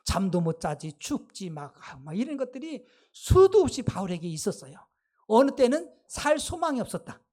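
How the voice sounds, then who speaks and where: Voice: medium pitch, big pitch swings, moderate pace, a little mellow. A pastor preaching a sermon with emphatic delivery, putting rhetorical questions to the congregation and calling out exclamations.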